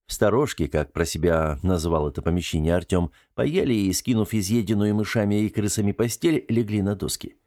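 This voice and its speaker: A man reading a fantasy audiobook as narrator in an even, measured way. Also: lowish voice, dry recording, studio quality. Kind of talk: scripted narration.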